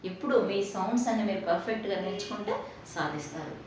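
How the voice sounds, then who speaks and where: A woman teacher with a Telugu accent, reading English lines slowly and explaining each sound in a recorded class lesson. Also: medium pitch, expressive, a little hiss or hum. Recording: echoey room, voice from a distance.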